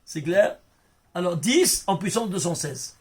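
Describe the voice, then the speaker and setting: A man's voice: high-pitched, lively intonation, a little slow, darkish tone, slight background noise. A rabbi giving an informal Torah lesson to a small group. He explains with animation and keeps checking that his listeners follow. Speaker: rabbi teaching a class.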